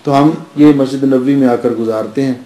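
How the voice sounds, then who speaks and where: Shy young male laborer, voiced by a preacher in his story: soft, hesitant, dark tone, echoing room. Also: medium pitch, fairly even intonation, natural voice. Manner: quiet, hesitant replies.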